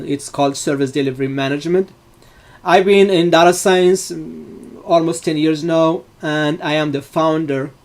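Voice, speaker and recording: A middle-aged man from Morocco who teaches data science, walking students through an online course with an explanatory manner, frequent fillers and restarts. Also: on the high side. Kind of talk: live online class walkthrough.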